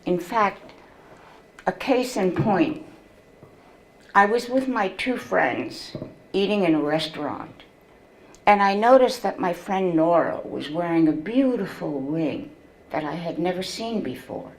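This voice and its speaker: A woman in her seventies, a memoir author, reads from her book and tells her story to an audience slowly and deliberately. Her voice sits on the low side with lively intonation, though the recording quality is poor.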